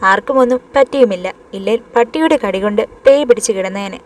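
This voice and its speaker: A woman voicing a grumbling, cowardly young man in a read-aloud horror story, complaining loudly. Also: mid-range voice, brisk, natural voice.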